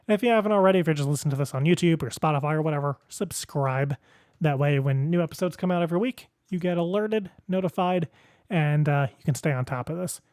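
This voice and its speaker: Young male podcast host, slightly high voice, rambling and goofy, a bit winded, dry close mic. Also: darkish tone, dry recording. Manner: rambling, goofy asides and sing-song fillers. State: a bit out of breath. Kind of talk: casual solo podcast sign-off.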